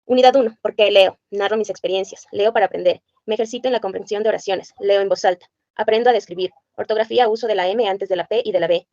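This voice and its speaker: A woman's voice: mid-range voice, quick pace, darkish tone, dry recording, highs cut off. A woman reads a curriculum list aloud, spelling out letters and sounds one by one. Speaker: presenter.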